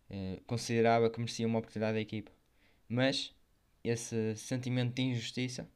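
Smooth, even-toned Portuguese male narrator. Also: fairly low pitch. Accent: European Portuguese. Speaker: host of a football history programme. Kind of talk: semi-scripted biographical narration.

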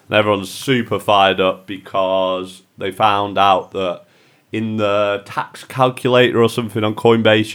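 Man, low-pitched, bantering podcast co-host, casual chat. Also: fairly bright tone. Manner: banterish, jokey, laughs often.

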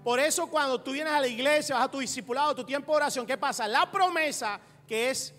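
A man with a very high voice preaches a lively sermon, laughing along and calling out for amens. His words ring with a long reverb through a church hall. Faint music plays underneath. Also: fairly quick. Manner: preaching, calls for amen, laughs, rises to loud emphasis. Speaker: pastor.

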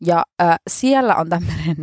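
A woman's voice: lowish voice, expressive, a little mellow, dry recording, clean studio sound. A woman co-hosting a podcast in casual chat, laughing often. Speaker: podcast co-host.

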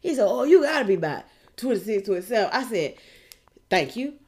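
Woman, 30s, podcast co-host, slangy and blunt storyteller, lively pitch. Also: brisk. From West Side. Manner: animated, laughing, slangy and blunt. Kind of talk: casual storytelling chat.

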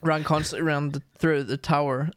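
Young Scottish man co-hosting a casual podcast. His voice sits a bit high, the sound is dry and close, and he curses freely. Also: flat delivery, fast talker, no echo. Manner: swears often, laughs a lot. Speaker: podcast co-host. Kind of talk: casual chat and reading aloud.

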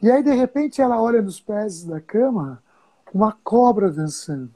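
A Brazilian woman speaks as a Buddhist teacher in relaxed conversation. Her voice is very dark and mellow, with a husky edge. She tells stories in an unhurried way, chuckling as she goes. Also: medium pitch, poor audio. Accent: Brazilian Portuguese. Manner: storytelling, chuckles often, drawn-out pauses. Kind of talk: casual conversation.

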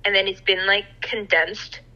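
Chatty young woman, bright lo-fi sound. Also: medium pitch, fairly even intonation, moderate pace. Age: young adult. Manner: chatty, swears freely. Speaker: podcast co-host. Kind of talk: casual chat.

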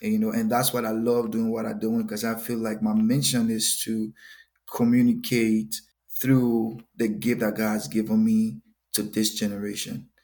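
Young Liberian-accented man, low and even delivery, earnest gospel musician guest. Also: normal speed. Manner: earnest, repeats words as he talks. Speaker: gospel musician and worship leader. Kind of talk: podcast interview.

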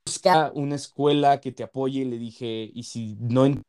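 A young man talks in a mellow, warm tone. He is earnest and a little halting, repeating words as he gathers his thoughts in casual conversation. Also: medium pitch, steady tone, clear, resonant tone. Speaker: law student.

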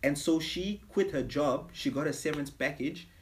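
A man telling his family story as a podcast guest in casual chat, animated and laughing often. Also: a little high, normal speed, a little hiss or hum. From Fiji.

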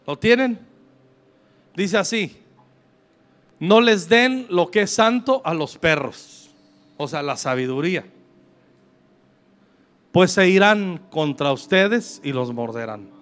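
A man's voice: sits high, animated, slow, long pauses, a bit bright. A Mexican man in his fifties, a pastor preaching to a congregation in a joking, slangy, conversational way and reading scripture aloud. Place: church service.

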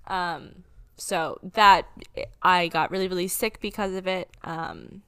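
A woman's voice: on the low side, steady tone, takes it slowly, pushed and bright, smooth, no echo. A woman in her twenties co-hosting a casual podcast chat, talking candidly with some swearing and sometimes close to tears. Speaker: podcast co-host.

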